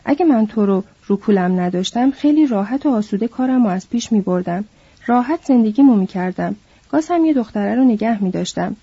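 A woman voicing a sharp-tempered, protective itinerant worker man who talks in a curt, scolding way. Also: medium pitch, lively intonation, husky, no room sound. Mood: irritated. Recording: dull lo-fi recording.

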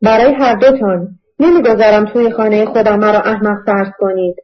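A woman voicing an angry adult husband who shouts threats, in a dull lo-fi audiobook recording. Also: high-pitched, fairly even intonation, lightly acted. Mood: menacing.

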